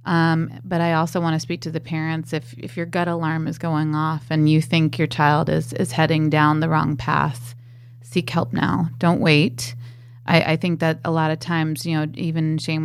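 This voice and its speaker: A woman's voice: deep voice, smooth, no echo. A woman guest on a podcast, speaking firmly and urging parents to act. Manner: firm, urging. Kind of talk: casual interview talk.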